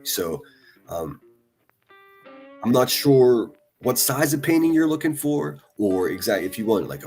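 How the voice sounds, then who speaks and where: A man's voice: sits low, a little mellow. A man on a casual live stream reading viewer comments, blunt and profane, talking passionately and often restarting his sentences. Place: at a desk in front of a laptop.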